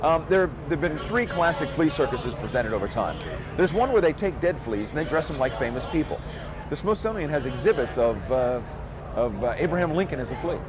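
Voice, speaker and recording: A man's voice: on the high side, lively intonation, fairly quick, over music. A man who works as a flea circus showman giving earnest, reflective answers in a casual interview. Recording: outdoor recording amid crowd chatter. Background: crowd and street noise outdoors.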